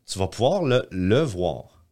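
A man hosting a podcast from a small studio. His voice swings widely in pitch as he jokes and chats loosely, filling gaps with "euh" and "tu sais". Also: very animated, slow, a little mellow. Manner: jokey, talkative, many fillers. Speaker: podcast host. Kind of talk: casual chat.

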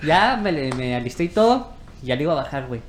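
This is an animated young Mexican man spinning a crude, slangy story in a casual chat. His pitch jumps all over, and the room sounds echoey. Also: fast, over a noisy crowd. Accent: Mexican Spanish.

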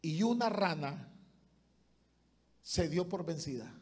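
Pastor preaching, high voice, goes loud then real quiet. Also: male voice, lively intonation, takes it slowly, breathy edge. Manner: impassioned preaching, swinging between loud and hushed. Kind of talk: sermon.

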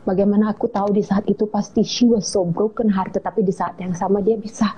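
A woman's voice: medium pitch, fairly even intonation, a little fast, mellow, slightly rough, highs cut off. A woman, a guest in a casual interview chat, telling a heartfelt story and dropping in English phrases.

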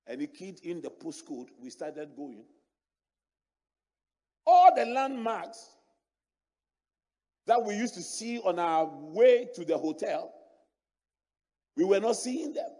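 A middle-aged man with an African accent, preaching a sermon as a bishop in animated storytelling fashion. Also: high-pitched, slow pace, long pauses. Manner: animated storytelling preacher, repeats and restarts words. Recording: long reverb of a large hall.

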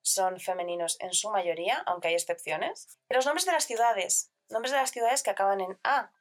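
A woman with a mid-range voice calmly teaches grammar as a Spanish teacher following a script. She gives a clear, measured explanation and lists examples.

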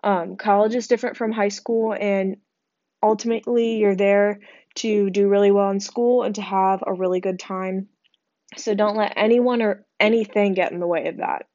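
A woman's voice: medium pitch, mellow, no echo. A young woman hosting a podcast who gives frank, chatty advice full of fillers and sounds tired. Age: young adult. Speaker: podcast host. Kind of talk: casual advice monologue. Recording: dry, slightly dull sound.

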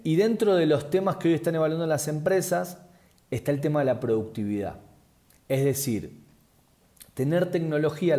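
A man speaking as an expert guest, explaining things in a measured way with frequent fillers and restarts. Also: on the high side, dark tone. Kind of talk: explanatory interview answers.

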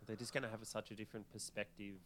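A man's voice: lowish voice, level tone, rapid-fire, a bit bright, slight background noise. A man co-hosting a podcast, telling stories animatedly and swearing casually. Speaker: podcast co-host. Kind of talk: casual chat.

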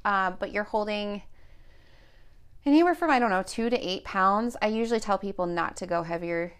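A woman's voice: mid-range voice, moderate pace, clear, resonant tone. A woman who teaches group exercise classes, chatting casually on a podcast and quoting what she tells her class. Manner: chatty, quotes herself telling people what to do.

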